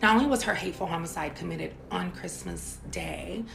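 A woman narrates true crime as a podcast host, her mid-pitched voice noticeably creaky. She reads in a solemn, deliberate way in an echoey space, with music clearly playing underneath. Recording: echoey room, music bed.

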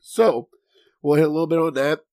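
A man hosting a casual podcast with a hoarse, cracking voice, rambling and joking at his own expense. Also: a little high, fairly even intonation, fairly quick, a little mellow, no room sound, clean studio sound. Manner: rambling, jokey, self-deprecating. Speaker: podcast host.

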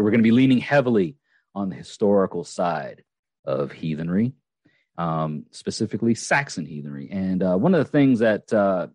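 A man's voice: low-pitched, darkish tone, no echo. A man hosting a casual podcast, rambling with many fillers and restarts. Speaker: podcast host.

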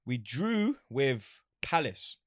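A man speaks in a London roadman accent, thick with street slang. He tells anecdotes in a casual, animated way, acting out both sides of exchanges. His pitch is average and the sound is very dry. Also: takes it slowly, dry recording. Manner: animated storytelling, acts out quoted exchanges. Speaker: interview guest, football fan.

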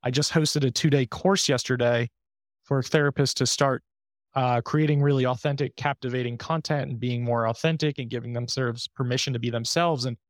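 A man talking openly and reflectively as a guest on a podcast. His voice sits at an ordinary pitch and sounds a little strained after surgery. It is recorded close and dry, with no room sound. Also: steady tone, brisk, no room sound. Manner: open, reflective, speaks with many restarts and fillers. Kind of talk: candid conversational interview.

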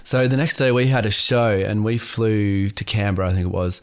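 Australian man, casual storyteller, low-pitched, laid-back, filler-heavy. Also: normal speed, clear, resonant tone. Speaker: guest musician.

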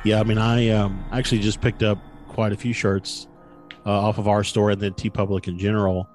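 Low-voiced man in casual podcast chat. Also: little pitch movement, a little fast, darkish tone, soft background music. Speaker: podcast co-host.

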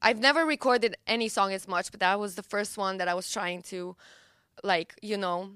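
A young woman singer-songwriter, a native Romanian speaker, chats casually in an interview, bubbly, packing her speech with fillers and laughing easily. Her voice is medium-pitched and fairly bright, smooth, at normal speed, captured in a dry recording.

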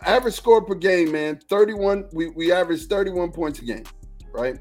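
A man's voice: high-pitched, moderate pace, darkish tone. Texan male co-host, casual, rambling sports talk with a slightly raised voice; faint music bed. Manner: rambling, repeats himself, lots of "you know what I'm saying". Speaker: podcast co-host.

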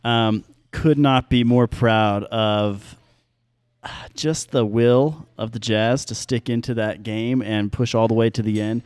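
A man's voice: mid-range voice, steady tone, slow, a little mellow, smooth, no room sound, clean studio sound. A man with an American accent talking casually as co-host of a sports podcast.

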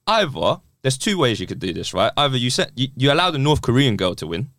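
London roadman, animated and emphatic. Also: mid-range voice, fast talker, no echo. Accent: London roadman, urban slang. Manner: emphatic, repeats himself. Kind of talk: casual group chat.

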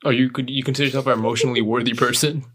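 Young guy on a podcast, chatty and teasing, laughs a lot, normal pitch. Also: fairly even intonation, very fast, a bit bright. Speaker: podcast co-host. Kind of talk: casual chat.

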